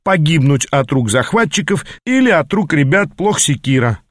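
Young apprentice, raised pitch, sarcastic and high-strung; male reader voicing him, dry read. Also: big pitch swings, moderate pace, no room sound. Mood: agitated.

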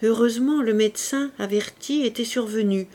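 A woman reading a classic novel aloud as an audiobook, in a calm, careful way. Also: fairly high pitch, moderate pace. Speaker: audiobook reader. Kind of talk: literary audiobook narration.

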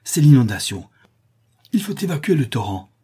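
A bold young American leader from a storybook, as a male reader puts him on, pitched well above the narrator's own low voice. He barks his orders loud and firm over a raging storm, still with a husky edge. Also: very animated, moderate pace. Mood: urgent. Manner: barking commands over a storm.

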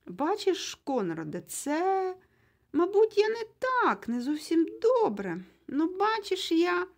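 A woman reading the part of a timid middle-aged father who stammers and pleads, in a husky voice with a lively rise and fall. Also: medium pitch, normal speed. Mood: pleading.

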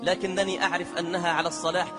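A man's voice: sits high, flat delivery, rapid-fire. A man preaching an emotional sermon as a story, often slipping into melodic chanting. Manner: dramatic, slides into melodic chanting of verses. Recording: long hall reverb with music behind.

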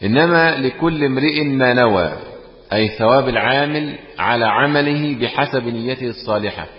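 A man's voice: medium pitch, normal speed. Echoey man teaching. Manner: asks the class questions and repeats phrases. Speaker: teacher explaining hadith. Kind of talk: classroom religious lesson. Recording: echoey room, dull lo-fi sound.

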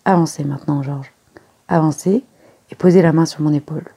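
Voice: medium pitch, fairly even intonation, a little fast, dark tone, breathy edge. A reader voicing Hercule Poirot, fussy little detective. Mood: demonstrating. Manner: precise, coaxing, fond of little jokes. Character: fussy, self-satisfied little male detective.

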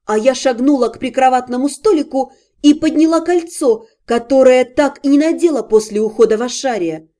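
Woman narrator, high voice, mellow dark tone, first-person audiobook. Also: normal speed, hardly any pauses.

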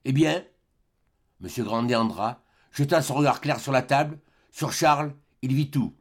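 A man reading a classic novel aloud as an audiobook, in a measured, steady manner. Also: mid-range voice, slightly rough.

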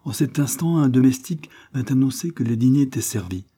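A man narrating a classic novel in a measured, low reading voice. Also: animated, mellow, slightly rough. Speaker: audiobook narrator.

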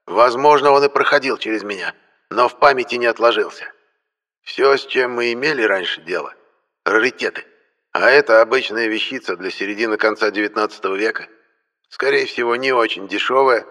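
A man's voice: medium pitch, sharp tone, voice pushed up, natural voice. A male narrator voicing a genial, courteous elderly antique dealer who explains things at length. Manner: courteous, lecturing, pleased with himself.

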